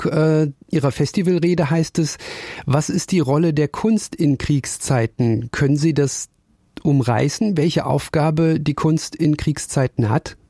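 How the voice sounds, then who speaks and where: A male radio host with a gravelly, mellow voice. He speaks in a calm, measured announcer manner. The studio sound is dry and close. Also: a little high, dry recording. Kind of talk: radio interview moderation. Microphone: studio microphone.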